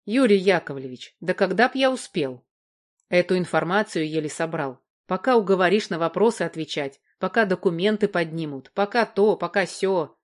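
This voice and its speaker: A woman reading the part of a young man in an audiobook, brisk and slightly exasperated. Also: lowish voice, expressive, lightly acted.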